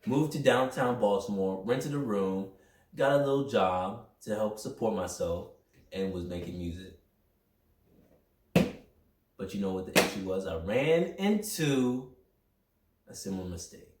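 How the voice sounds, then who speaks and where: A young man hosting a podcast, talking through a personal motivational monologue in an energetic, rambling, self-reflective way. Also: lowish voice, a little slow, long pauses. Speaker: podcast host. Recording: roomy echo, mic at a distance.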